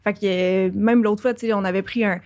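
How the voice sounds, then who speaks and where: A woman in her thirties with a Quebec French accent, chatting casually as a podcast guest, quick and chatty with lots of fillers. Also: medium pitch, steady tone, a little mellow. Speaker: podcast guest, content creator. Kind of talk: casual chat.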